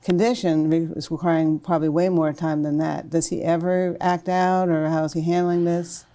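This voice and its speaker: A woman hosting a podcast interview, asking sympathetic questions with soft interjections. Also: low-pitched, level tone, normal speed. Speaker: podcast host.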